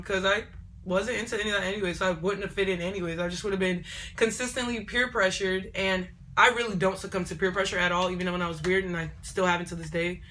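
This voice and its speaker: A young woman telling a casual storytime on her vlog, animated and digressive, often repeating herself. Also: lowish voice, slight background noise. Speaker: vlogger.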